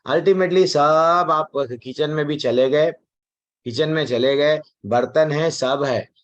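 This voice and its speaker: A man's voice: on the high side, takes it slowly. A man teaching a devotional class on the Gita in a chatty way, mixing in English words and acting out the voices he quotes. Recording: dull lo-fi recording.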